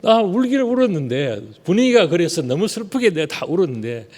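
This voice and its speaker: A pastor from South Korea's Gyeongsang region gives a Sunday sermon from the pulpit of a church sanctuary, weaving in personal stories. His voice sits high and sounds mellow and relaxed, and he keeps things conversational with rhetorical questions and stretched-out words for emphasis. An unmasked microphone behind a screen at the pulpit picks him up, and the hall adds a long reverb.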